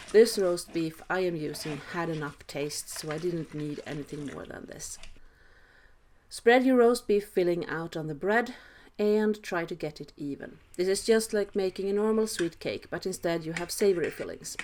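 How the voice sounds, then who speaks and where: A woman's voice: fairly low pitch, darkish tone, a little hiss or hum. A woman with a Swedish accent giving a casual cooking tutorial voice-over with dry, self-deprecating humour. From Sweden. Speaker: home cook, host.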